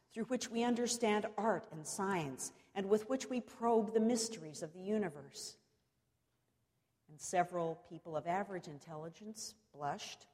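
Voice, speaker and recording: A woman preacher gives a cathedral sermon in a long, ringing reverb. Her delivery is slow and solemn, set out in short, deliberate phrases with pauses between them. Her voice sits at a medium pitch for a woman. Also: a little mellow. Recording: long reverberant echo of a large hall.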